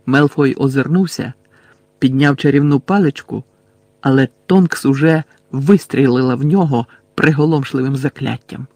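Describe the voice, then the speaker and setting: A man reading an audiobook with dramatic, steady storytelling. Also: mid-range voice, moderate pace, no room sound. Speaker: audiobook narrator. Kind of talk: scripted narration.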